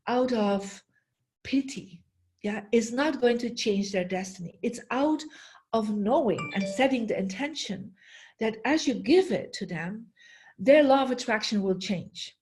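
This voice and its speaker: A woman's voice: fairly high pitch, animated, a little slow, a little mellow. A middle-aged woman telling a story while teaching an online master class, often checking in with the audience by asking "yeah?". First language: Dutch. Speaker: feng shui teacher.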